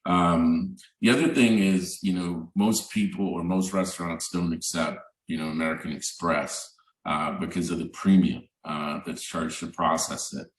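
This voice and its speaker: A man with a very low voice gives a relaxed presentation on a video call, filling his sentences with "um" and "you know". His voice sounds distant from the mic, in a roomy, echoing space. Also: normal speed. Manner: conversational, many fillers like "um" and "you know". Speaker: bank representative, panelist. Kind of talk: virtual panel presentation.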